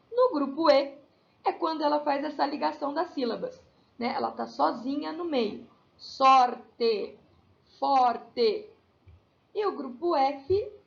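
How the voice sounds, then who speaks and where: A woman with a high voice and a gravelly edge teaches a children's class in Brazilian Portuguese. She explains patiently, one step at a time, and often checks in with short tag questions. The recording sounds a little dull and lo-fi.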